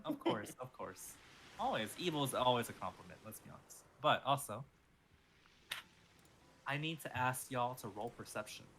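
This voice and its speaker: A man's voice: mid-range voice, big pitch swings, moderate pace, pauses often, fairly bright tone, slight background noise. A man chatting casually and narrating a tabletop game as its game master.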